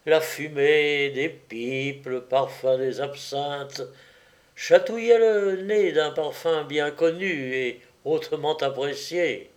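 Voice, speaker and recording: A man reading a comic story aloud as narrator, in an unhurried, wry way. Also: on the high side.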